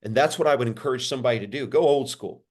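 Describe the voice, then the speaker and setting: A pastor, a man, answering interview questions in a sermon-like way, repeating phrases and lifting his pitch for emphasis. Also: very fast, breathy edge. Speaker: pastor, podcast guest.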